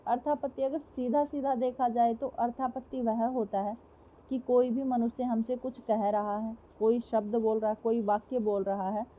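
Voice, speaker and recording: A woman teacher giving an explanatory lecture, asking questions and answering them herself, repeating examples slowly. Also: a little high, flat delivery. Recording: dull lo-fi recording.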